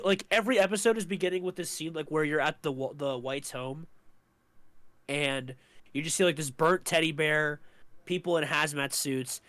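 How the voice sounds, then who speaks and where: A man's voice: a little high, sharp tone, no echo. Young man swearing through a loose recap. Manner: loose and rambling, swears a lot, many fillers. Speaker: podcast co-host. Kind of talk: casual recap chat.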